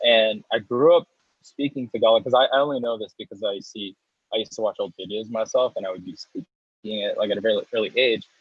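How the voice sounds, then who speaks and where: A man's voice: fairly low pitch, quick pace, slightly rough, no room sound, dull audio. A man in his thirties, a guest in a casual interview, rambling through his story with restarts and small laughs. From United States. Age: 30s. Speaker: guest, coffee roaster and business owner.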